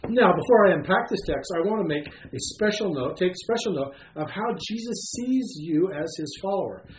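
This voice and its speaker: A man preaching a sermon, his voice sitting a little higher than most and swinging widely in pitch as he presses each point. He pauses often and fills the gaps with soft fillers. The room around him rings with echo, over a faint hiss. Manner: animated preaching with frequent "uh" fillers and emphatic pauses. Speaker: pastor.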